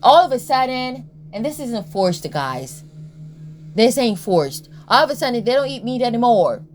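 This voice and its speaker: A woman's voice: fairly high pitch, big pitch swings, normal speed, faint music behind. A woman giving a blunt, emphatic spiritual commentary, swearing freely and often checking in with "Okay?". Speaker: tarot and astrology content creator. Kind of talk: casual spiritual commentary monologue.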